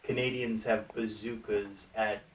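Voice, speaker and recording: A man's voice: fairly low pitch, little pitch movement, a little slow, a little hiss or hum, close to an everyday voice. A man playing a flustered, stammering interviewer. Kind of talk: mockumentary interview.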